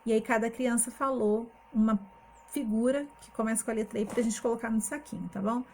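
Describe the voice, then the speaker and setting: A woman's voice: on the high side, fairly even intonation, a little fast, a little mellow, slight background noise. A woman teaching first grade from home, explaining a classroom game step by step and checking in with her listeners. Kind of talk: recorded online class explanation.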